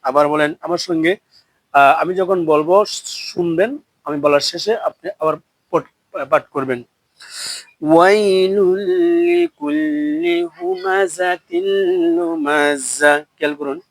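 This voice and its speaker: Man, Quran recitation teacher, high voice, spells syllables, slow drawn-out chanting, brisk asides, dry close sound. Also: fairly bright tone, no room sound. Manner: brisk explanations between recitations, asks learners to repeat and comment.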